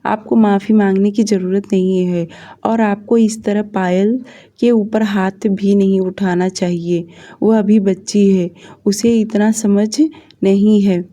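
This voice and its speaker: Woman narrator voicing a firm, protective young man; slow, low-lit delivery. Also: fairly even intonation, dark tone, close to an everyday voice. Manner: firm, reproachful.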